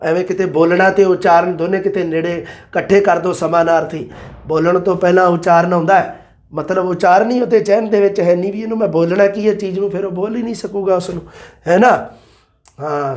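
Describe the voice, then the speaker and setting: A man gives a chatty exam-prep lecture in a high voice. He repeats key points and keeps quizzing his listeners. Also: a little mellow. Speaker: teacher.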